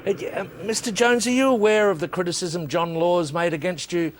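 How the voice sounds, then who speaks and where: A man interviewing in a deadpan satirical sketch, polite and flustered. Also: high voice, fairly quick.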